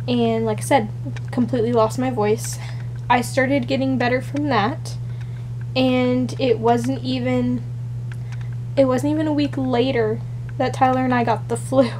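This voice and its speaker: Long pauses break up the slowish speech of this woman, whose voice is on the high side with fairly even intonation, and background noise is audible. She's a young vlogger in her twenties, unwell and shaky, rambling casually with fillers and restarts, filmed close up on a built-in camera mic in a small bedroom.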